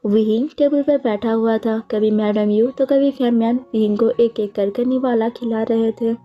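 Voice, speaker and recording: A woman narrating a fan-fiction story in a steady, plain storytelling manner. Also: fairly high pitch, normal speed. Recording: dull lo-fi audio with faint music.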